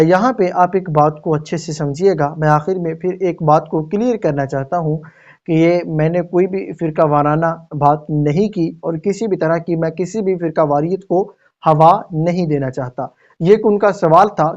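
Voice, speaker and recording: A man's voice: a little high, darkish tone. A man earnestly addressing video viewers, explaining and repeating his points. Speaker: video presenter. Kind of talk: direct-to-viewer video outro commentary. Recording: dull lo-fi voice recording.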